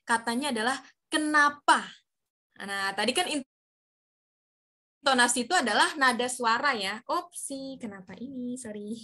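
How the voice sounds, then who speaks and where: A woman who voices for a living leads an online class for children in a bright, ringing tone. She speaks a little above the usual pitch, with a cheerful, encouraging manner. Her voice comes over a video call. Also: normal speed, long pauses. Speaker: voice actor teaching a workshop.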